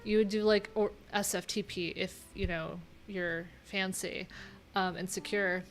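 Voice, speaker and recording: Her pitch is medium and her delivery flat, moving at a measured pace while faint music plays behind her. She's a middle-aged web developer hosting a laid-back live coding stream from a small home room, thinking out loud and reading her screen with wry asides.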